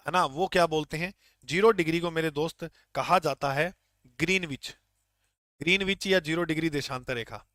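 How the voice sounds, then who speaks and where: A man's voice: sits high, fairly bright tone, no echo, clean studio sound. A man teaching an online geography class, repeating key points and quizzing his students.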